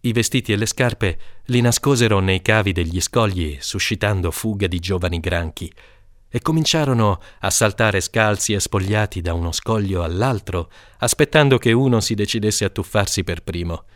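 A man reading a literary short story aloud in a measured, calm voice, lifting into high voices for the children's shouts. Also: no echo, clean studio sound. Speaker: audiobook reader.

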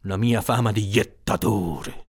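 A man reading aloud, voicing a grim, stubborn man with a jinx reputation who speaks insistently with bitter, drawn-out emphasis. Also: lowish voice, husky, full character voice.

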